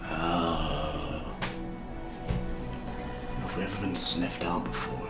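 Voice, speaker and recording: A man's voice: very deep voice, steady tone, slow, roomy sound, over music. A man playing a tabletop game, blunt and jokey in casual banter. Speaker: player.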